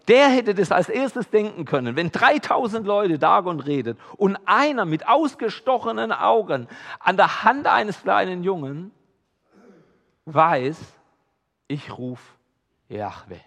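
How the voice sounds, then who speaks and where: A man preaching a sermon as pastor, swinging between hushed, intimate passages and loud, emphatic appeals. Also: a little high, big-room sound.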